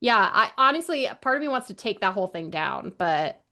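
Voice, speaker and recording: A woman's voice: medium pitch, sing-song, fairly quick, sharp tone. A woman co-hosting a book podcast, talking in a playful, upbeat way and laughing at her own jokes. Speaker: podcast co-host. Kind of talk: casual book podcast chat.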